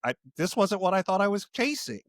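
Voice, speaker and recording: Middle-aged male podcast host, fairly high voice, vivid storyteller, dry close mic. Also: a little fast, dry recording. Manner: storytelling, animated voices for quoted people. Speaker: podcast host and calling coach. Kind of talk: conversational interview.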